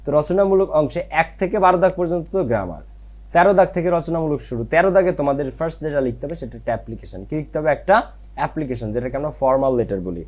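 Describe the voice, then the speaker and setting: A young man teaching an exam-prep lecture, reassuring students and checking in often with quick tag questions. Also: fairly high pitch, lively intonation, darkish tone, dull audio.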